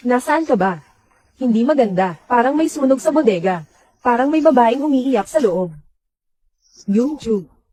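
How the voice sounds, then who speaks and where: A woman's voice: a little high, lively intonation, a little slow, pauses often, warm tone, husky, no echo, low-quality recording. A woman voicing every character of a dubbed drama in one plain voice.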